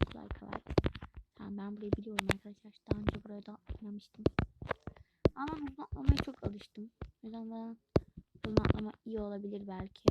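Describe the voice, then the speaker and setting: Chatty woman gamer, loud noisy background. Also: medium pitch, creaky. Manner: chatty, easily stressed, frequent exclamations and soft whispered asides. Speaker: gaming channel host. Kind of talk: casual let's-play commentary. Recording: loud background noise with clicks.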